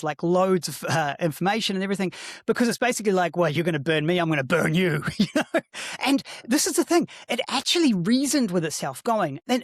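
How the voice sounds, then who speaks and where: A man's voice: sits high, dry recording, clean studio sound. A man co-hosting a podcast, chatting casually, laughing often and restarting words as he explains. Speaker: podcast co-host.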